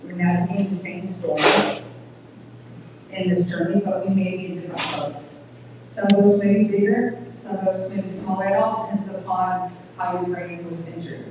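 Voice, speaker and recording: A middle-aged woman with a small, thin voice speaks earnestly to a crowd, stopping and restarting as she goes. She is picked up from far off in a big, booming hall. The sound is dull, with a faint rumble behind her. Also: fairly even intonation. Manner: earnest, plain-spoken, halting restarts. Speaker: speaker at a community awareness event. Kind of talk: public talk. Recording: echoey hall recorded from afar, dull.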